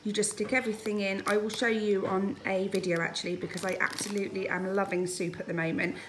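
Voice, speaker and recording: A UK family vlogger in her thirties, with a British accent, runs through a grocery haul in her home dining room. Her medium-pitched voice is flat and fast, and there's background noise.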